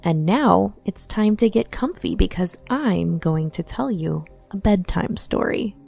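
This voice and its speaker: Female sleep story narrator, soft and soothing, mid-pitched with noticeable vocal fry, music underneath. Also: lively intonation, unhurried. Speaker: podcast host and narrator. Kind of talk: sleep story narration, scripted true crime bedtime storytelling.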